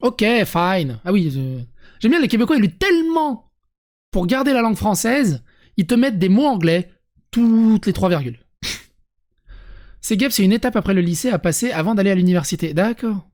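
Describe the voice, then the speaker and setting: A streamer from France, speaking with a French accent, reads an article aloud to viewers at medium pitch and normal speed. He keeps breaking off for lively, sarcastic asides and then restarting.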